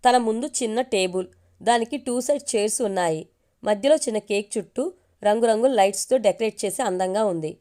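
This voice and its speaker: A woman narrating a family story in a calm, steady storytelling voice. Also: mid-range voice, fairly quick. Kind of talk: reading a family story aloud.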